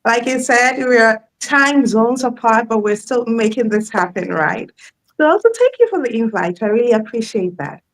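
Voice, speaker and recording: A woman in her thirties speaks as a guest on a live interview. She talks in a relaxed, chatty way and laughs easily. Her voice sits a little high and has a gravelly edge. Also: moderate pace, poor audio. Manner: warm, chatty, laughs often.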